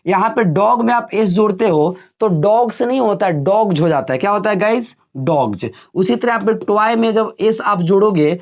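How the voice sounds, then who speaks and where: A man's voice: lively intonation, normal speed, gravelly, few pauses. A man teaching an English pronunciation lesson, asking the class questions and answering them himself. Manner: drills with repeated questions, answers dropping low.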